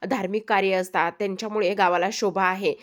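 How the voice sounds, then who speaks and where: A woman's voice: mid-range voice, fairly even intonation, quick pace, lightly acted. A woman voicing a cautious older aunt who reasons and worries about appearances in a retold serial.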